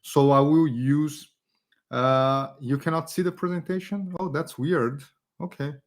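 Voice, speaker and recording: A man's voice: a little high, steady tone, a little slow. Chatty Brazilian-raised man hosting workshop. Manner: chatty, many fillers and "okay?" tags. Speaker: community event host teaching design. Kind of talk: casual live online workshop.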